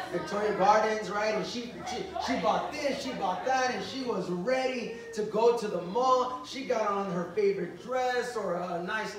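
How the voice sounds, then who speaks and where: Playful youth preacher in a churchy echo. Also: male voice, high-pitched, background noise. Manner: playful, joking, acts out dialogue. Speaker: youth pastor. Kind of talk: bilingual youth sermon. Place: church hall. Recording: echoey church hall from far off.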